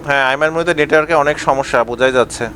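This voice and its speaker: Male gaming host, fast and slightly high, chanting driving calls in casual commentary. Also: loud music behind the voice. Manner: rapid repeated driving calls.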